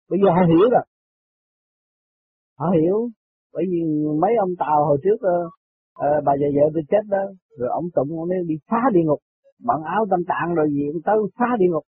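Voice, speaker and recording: A husky, slightly high-voiced man talks through a spiritual lesson, circling back and stumbling over repeated words. The sound is tinny and phone-like, with a dry, close feel. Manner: repeats words while searching, chuckles between points. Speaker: spiritual teacher. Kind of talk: rambling spiritual talk.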